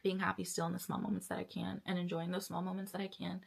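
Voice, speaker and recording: A young woman vlogger and actress talking candidly in a casual confessional vlog, chatty and weary, sometimes dropping to a soft whisper. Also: lowish voice, monotone, fast, vocal fry, slightly rough. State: tired.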